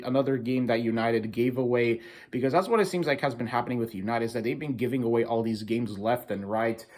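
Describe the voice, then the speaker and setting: Man giving an opinionated football recap. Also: medium pitch. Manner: informal, repetitive, emphatic complaining with mild swearing. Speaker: football fan video host. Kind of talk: casual opinionated match recap.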